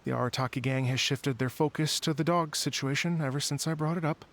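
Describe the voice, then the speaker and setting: A polite, fussy event organizer. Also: male voice, a little high, steady tone, brisk, fairly bright tone. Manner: courteous and slightly fussy, with hesitant fillers. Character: polite eager male event organizer, young adult. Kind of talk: video game voice acting.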